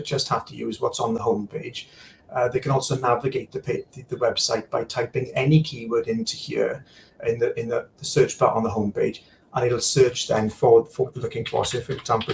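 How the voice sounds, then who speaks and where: Through poor video-call audio with a light hiss beneath it, a guest demonstrates his screen in relaxed conversation; he's a digital services supplier who used to be a practice manager. He speaks at a middle pitch with a gravelly, creaky edge, leaning on fillers and repeating words while explaining.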